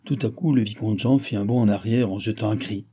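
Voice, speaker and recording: A man narrating a novel in a measured, expressive reading. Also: on the low side, slightly rough. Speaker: audiobook narrator.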